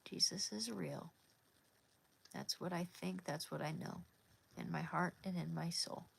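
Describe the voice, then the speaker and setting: A low, gravelly, slightly rough voice comes through a rough recording, steady in tone and a little slow. The speaker is a woman from Oregon, USA, hosting a casual livestream and chatting easily with viewers, answering their comments by name.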